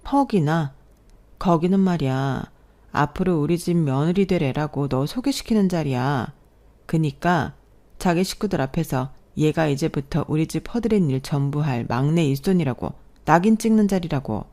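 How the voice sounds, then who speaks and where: A woman's voice: deep voice, expressive, moderate pace, dark tone. A woman voicing a blunt, cynical divorced older sister in a storybook audio drama. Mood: knowing. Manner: blunt, knowing.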